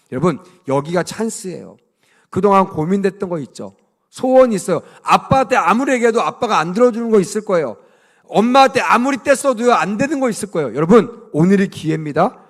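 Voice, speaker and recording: Male pastor preaching to children in church, high-pitched and very animated, lots of questions. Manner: animated call-and-response, leads kids in reading aloud; asks the children frequent questions. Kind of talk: children's sermon at vacation Bible school.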